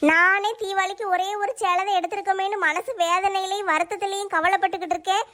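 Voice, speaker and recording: A woman's voice: very high-pitched, fairly even intonation, fast talker, pushed and bright. A woman voicing a sulky, quarrelsome housewife who nags indignantly. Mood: nagging. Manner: nagging, indignant.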